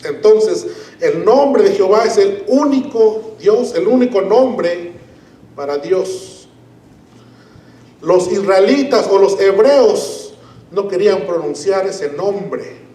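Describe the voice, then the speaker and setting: A high-pitched man preaches in an unhurried, deliberate way, leaning on key words as he teaches. The sermon is recorded in a church with a roomy echo, and the mic sits some way off. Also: darkish tone. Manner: slow, deliberate Bible teaching with emphatic stresses. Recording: echoey room, mic at a distance.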